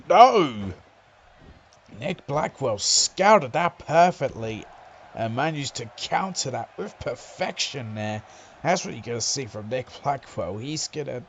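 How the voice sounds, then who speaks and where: A man doing excitable play-by-play wrestling commentary, breaking into loud exclamations. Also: medium pitch, a little hiss or hum.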